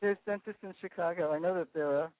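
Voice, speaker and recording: A woman's voice: lowish voice, fast, dry recording. A woman in her fifties on the phone, eager and repeating herself for emphasis. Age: 50s. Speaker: guest caller. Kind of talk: casual phone chat. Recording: dry phone line.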